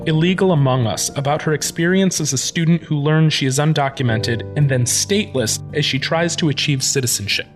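A man hosting and narrating a podcast series in a measured, clear delivery. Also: a little high. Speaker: podcast host.

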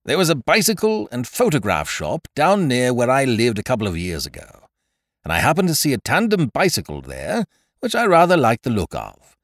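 A man's voice: medium pitch, huge pitch swings, normal speed, no room sound, clean studio sound, voice pushed up. A man voicing an aggrieved, blustering young male scrounger who talks querulously and with heavy emphasis. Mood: explaining.

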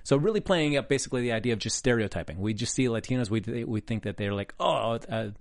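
A man's voice: medium pitch, expressive, quick pace, no room sound, studio quality. A man casually recapping a TV episode in a rambling way, full of uh's and restarts. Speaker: podcast host recapping a TV episode. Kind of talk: casual recap with filler words.

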